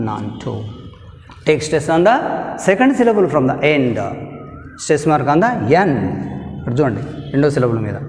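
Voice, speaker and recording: Slow, drawn-out Telugu-accented male teacher. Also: a little high, a little mellow, a little hiss or hum. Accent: Telugu-accented English. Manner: slow, drawn-out word pronunciation with repeated counting of syllables. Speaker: English grammar teacher. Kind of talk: online lecture mixing English and Telugu. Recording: echoey room with long reverb.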